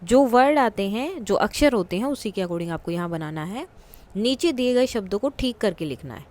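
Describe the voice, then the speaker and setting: A woman teacher explaining a worksheet in a patient way, repeating words slowly for her students. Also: mid-range voice, expressive, darkish tone.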